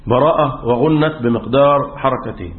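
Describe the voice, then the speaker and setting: A man teaching Quran recitation rules in Egyptian Arabic, asking questions and answering them himself, often clearing his throat. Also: mid-range voice, normal speed, roomy sound. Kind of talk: religious lesson on recitation rules. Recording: tinny phone-like audio.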